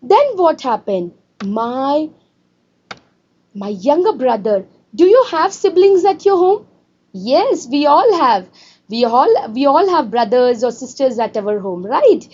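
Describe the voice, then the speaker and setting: Woman teacher, mellow and high voice, quizzing her class. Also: big pitch swings, takes it slowly, breathy edge, muffled recording. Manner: repetitive, asks students questions. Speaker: English teacher. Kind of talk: classroom lesson explaining a story.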